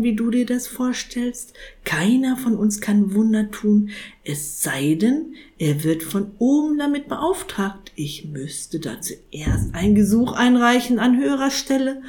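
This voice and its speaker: A woman voicing a gentle, unworldly old male saint who speaks slowly, solemnly and kindly. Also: fairly high pitch. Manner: slow, solemn, pondering, kindly.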